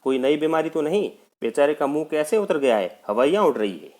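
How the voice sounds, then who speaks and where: A man's voice: fairly high pitch, big pitch swings, brisk, darkish tone, pitched above the performer's own voice. A man voicing a fretful, coaxing mother. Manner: coaxing, anxious and tender. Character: worried Indian mother fussing over her sick young son.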